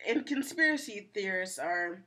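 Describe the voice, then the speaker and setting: A woman's voice: mid-range voice, lively intonation, moderate pace, crowd noise. A woman co-hosting a casual podcast, offering skeptical theories and telling anecdotes with lots of "you know" and "like". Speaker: co-host.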